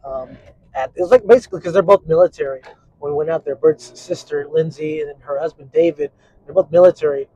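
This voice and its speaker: Husky guy rambling on a vlog, cussing a lot, dry close sound. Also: on the high side, a little fast, warm tone, no echo, poor audio. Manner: profane and rambling, with frequent fillers. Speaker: vlogger. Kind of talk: casual rambling monologue.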